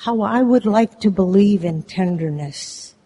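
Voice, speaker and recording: A reader delivering a poem in a measured, solemn, deliberate way. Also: medium pitch, dark tone, slightly rough. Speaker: poetry reader. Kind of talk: slow solemn poetry reading.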